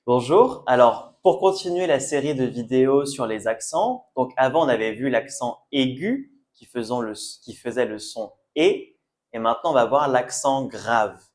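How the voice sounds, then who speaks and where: A man's voice: medium pitch, lively intonation, a little slow, darkish tone. A man teaching a French pronunciation lesson, patiently repeating each sound and checking that learners follow. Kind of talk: language lesson video.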